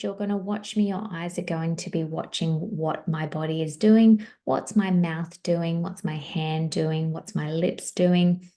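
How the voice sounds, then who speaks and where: A former teacher giving a parenting webinar, encouraging and demonstrating words slowly, syllable by syllable. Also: female voice, fairly low pitch, creaky, dark tone.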